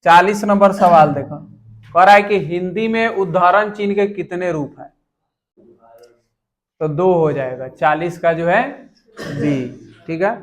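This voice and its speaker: A man's voice: high voice, a little slow, pauses often. A young man, a teacher working through exam questions and repeating each question aloud.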